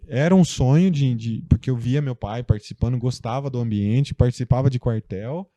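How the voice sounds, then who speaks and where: Brazilian man telling a story, dark tone. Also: mid-range voice, normal speed. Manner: storytelling, loose and chatty with many fillers. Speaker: interview guest. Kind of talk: casual conversation.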